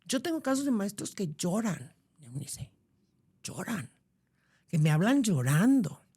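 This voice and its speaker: Middle-aged woman, podcast guest, animated storyteller who voices the people in her anecdote. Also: medium pitch, measured pace, breathy edge. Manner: animated, acts out quoted voices. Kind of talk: casual conversational storytelling.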